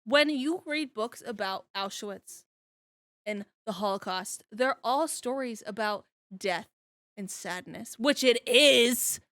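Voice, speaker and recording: A woman co-hosting a podcast in casual chat, animated, swearing and laughing often. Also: fairly high pitch, slow, no echo, studio quality. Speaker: podcast co-host.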